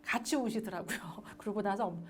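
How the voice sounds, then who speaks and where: A woman's voice: medium pitch, brisk, slight background noise. A woman lecturing on adoption and parenting, asking the audience questions and acting out parent-child talk. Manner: lively, acts out parent-child dialogue; asks the audience questions and answers them.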